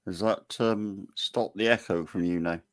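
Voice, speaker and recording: A man's voice: sits low, measured pace. A man chatting casually as a second voice on a livestream.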